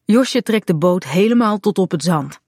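A woman narrating a children's storybook in a clear, even storytelling manner. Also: medium pitch, normal speed, no echo, clean studio sound.

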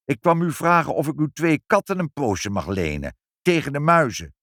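A man's voice: medium pitch, very animated, moderate pace, no echo, studio quality, pitched above the performer's own voice. Een man die een verwaande, zeurderige stadsopzichter speelt in een voorgelezen kinderverhaal. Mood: whining. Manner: pompous, whiny and indignant. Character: fussy pompous male city official.

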